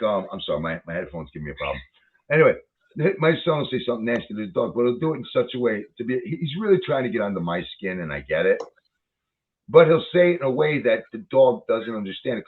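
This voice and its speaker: A man ranting in a heated, profane commentary, swearing often and repeating himself as he reacts to a video. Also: mid-range voice. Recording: tinny phone-like line.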